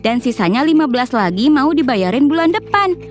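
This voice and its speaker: A woman's voice: sits high, sing-song, fairly quick, faint music behind. A woman voicing a grasping middle-aged aunt who talks about her commission in a matter-of-fact, wheedling way.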